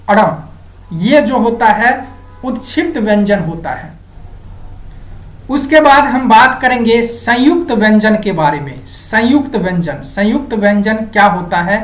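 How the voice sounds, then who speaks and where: Slow, methodical woman teacher, echoey room. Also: fairly high pitch. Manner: slow, methodical, repeats key items. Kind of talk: exam-prep grammar lesson.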